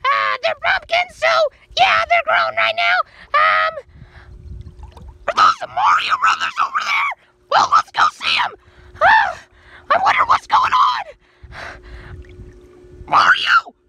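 A performer voicing a manic, self-declared psychopath cartoon monkey in a loud, squeaky, rambling plush toy skit outdoors by a pool. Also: expressive, takes it slowly, long pauses, full character voice. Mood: chatty, curious. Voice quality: squeaky, shrill. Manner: loud, hesitant rambling, shouting. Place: outdoors by a backyard swimming pool. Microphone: handheld phone camera. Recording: noisy outdoor phone recording.

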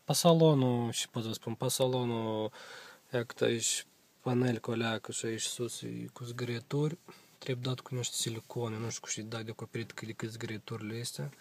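A young man with a Moldovan accent films a casual car walkthrough vlog on his handheld phone inside a parked car. His mid-range voice holds a steady tone as he rambles hesitantly, using lots of fillers.

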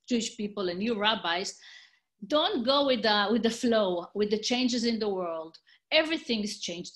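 A curious secular academic man, as a woman puts him on for a story, asks pressing, earnest questions. The voice sits a little higher and livelier than the teller's own. It comes through a video call. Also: fairly bright tone.

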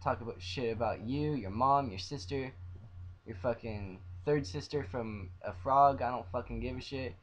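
A young man ranting in a profane vlog, swearing nonstop and repeating himself as he swings between loud outbursts and low mutters. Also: normal speed. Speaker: vlogger.

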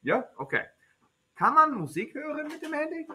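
A man, a native English speaker, teaches German to a beginner class in a classroom. His voice is high, very bright and lively, rising and falling widely. He asks simple questions, repeats them and often answers them himself. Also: moderate pace, a little hiss or hum.

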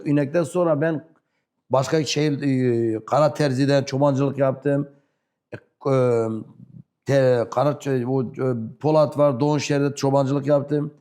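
A man with a southeastern Turkish accent tells personal stories in broken, non-fluent Turkish, halting and repeating himself. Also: a little high, warm tone. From rural southeastern Turkey. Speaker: interview guest. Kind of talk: animated personal storytelling.

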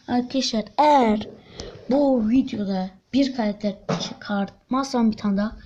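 A woman giving excited gameplay commentary, getting frustrated, counting rolls aloud and swinging between whispers and shrieks. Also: on the high side, a little hiss or hum. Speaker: gaming video creator. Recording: dull lo-fi sound.

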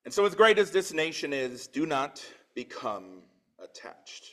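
A slightly high, somewhat bright voice with big pitch swings belongs to a Trinidadian preacher in his forties, speaking a little slowly. In church, he reads scripture with mounting emphasis and breaks into plain conversational asides.

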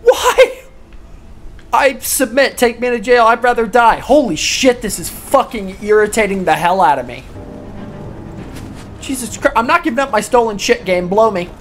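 A woman's voice: fairly high pitch, big pitch swings, normal speed, slight background noise. Foul-mouthed woman ranting at a game. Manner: profane, exasperated, often yelling at characters. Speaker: gaming video host. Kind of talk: let's play commentary.

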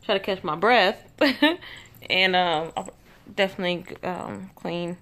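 A woman's voice: fairly low pitch, slow pace, fairly bright tone. A young woman vlogging in a casual, rambling way. She uses lots of fillers and talks into a handheld phone camera as she moves from a mall to her home. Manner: chatty and rambling, with many fillers. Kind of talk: casual vlog chat. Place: shopping mall, then at home. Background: music.

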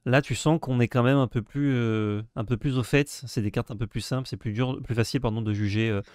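A man's voice: mid-range voice, steady tone, fairly quick, darkish tone, dry recording. Man, co-host, casual chat, hesitant, lots of fillers, dry close sound. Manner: hesitant, many fillers and restarts. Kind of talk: casual card-game discussion.

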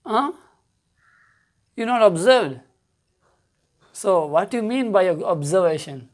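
A woman's voice: medium pitch, expressive, a little mellow. A woman with a Malayali accent teaching an online primary school lesson, asking questions and praising answers. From India. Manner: slow, coaxing, asks children questions and praises answers.

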